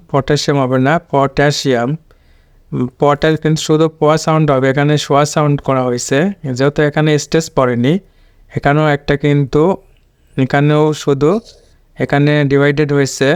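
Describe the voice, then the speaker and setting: Man drilling English syllables, flat even voice. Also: a little high, clear, resonant tone, no echo, clean studio sound. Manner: slow, repeats and drills words syllable by syllable. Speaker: English pronunciation teacher. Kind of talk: explaining a pronunciation lesson.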